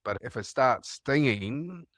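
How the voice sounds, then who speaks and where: A man's voice: mid-range voice, expressive, slow pace, a bit bright, no echo, studio quality. A man from New Zealand with a New Zealand accent, calling in and telling rambling stories in a casual chat. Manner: rambling, anecdotal storytelling with laughs. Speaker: caller.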